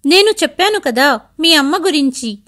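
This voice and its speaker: A woman's voice: high voice, expressive, moderate pace, a bit bright. A woman voicing a daughter-in-law with a scornful, accusing tone. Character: daughter-in-law, cold and contemptuous.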